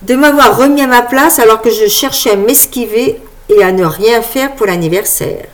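A woman reading aloud voices a grown man turned sheepish and apologetic, speaking lower and more quietly than her narration. He sounds subdued and a little embarrassed, in a storybook style. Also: moderate pace, close to an everyday voice.

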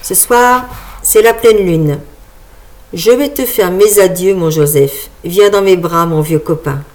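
A woman voicing a weary, stubborn old man in a read-aloud story, speaking slowly and plainly. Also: lowish voice. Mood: resigned.

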